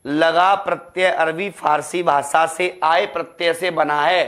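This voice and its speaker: A man's voice: high voice, fairly bright tone. A male Hindi teacher running an exam prep lesson, who keeps asking his students questions and answering them himself. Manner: calls students "beta" and "ladlo", asks and answers own questions.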